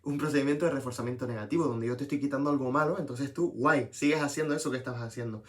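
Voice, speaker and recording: A young man giving a casual psychology lesson, lively and checking in with the viewer often. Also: medium pitch, rapid-fire. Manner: lively, talks to viewer with frequent "¿bien?". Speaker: psychology teacher.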